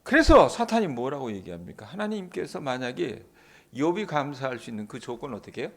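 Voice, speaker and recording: Animated male pastor preaching at dawn. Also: mid-range voice, brisk, vocal fry. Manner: animated, asks the congregation rhetorical questions; acts out the Bible dialogue in quoted voices. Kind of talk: early-morning sermon.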